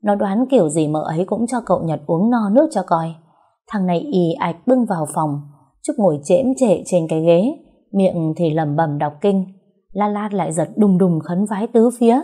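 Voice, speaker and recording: A young woman narrating a story in a steady, expressive manner. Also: lowish voice, normal speed, breathy edge.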